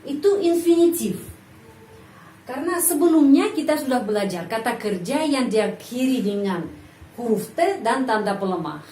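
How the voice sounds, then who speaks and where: A woman's voice: on the high side, darkish tone, slight background noise. A woman giving a language lesson, explaining patiently and repeating example phrases. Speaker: language teacher. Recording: echoey room, voice from off-mic.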